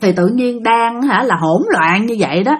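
Southern Vietnamese woman, ghost story narrator, high, very animated delivery. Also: moderate pace. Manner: lively, addresses listeners directly.

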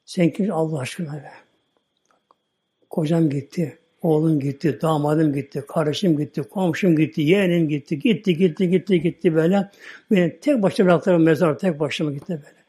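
A man's voice: a little high, fairly quick, warm tone, husky. A man voicing a frightened woman who has just died and is alone in her grave, pleading and bewildered.

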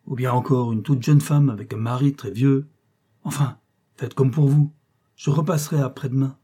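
A man's voice: mid-range voice, steady tone, moderate pace, warm tone, breathy edge, natural voice. A man voicing a chatty older woman client who takes snuff. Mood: offhand.

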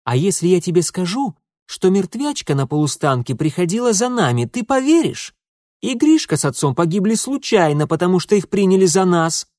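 A man voicing a proud, touchy young nobleman who is quick to anger, talking in a cold, biting way. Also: on the high side, animated, mellow, no echo, studio quality, voice pushed up. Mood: desperate.

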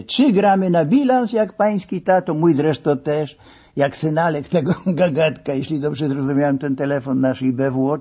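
Husky man telling a story expressively. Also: a little high. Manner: expressive, conversational, wry. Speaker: narrator. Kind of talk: storytelling narration. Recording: dull lo-fi recording.

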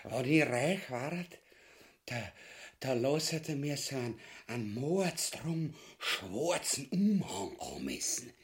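A male actor with a Viennese accent plays a pompous, crude, cowardly husband in a satirical radio play, blustering and muttering theatrically. His mid-range voice swings widely in pitch and moves slowly, and the mood is wistful and musing.

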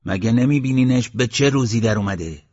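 A man's voice: mid-range voice, animated, darkish tone, voice pushed up, natural voice. A man voicing a shrewd, wise male villager who speaks firmly and with calculation, on a dull lo-fi audiobook recording. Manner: calculating, firm.

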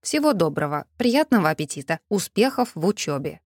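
A woman voicing a calm, composed older male magister who speaks with dry, polite irony in an audiobook. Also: lowish voice, fairly quick, no room sound. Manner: unruffled, dryly ironic.

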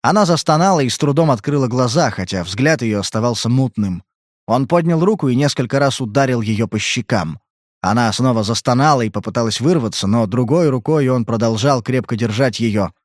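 A man's voice: medium pitch, lively intonation, a little fast, dry recording. Man narrating an audiobook, dry close sound. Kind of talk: scripted narration.

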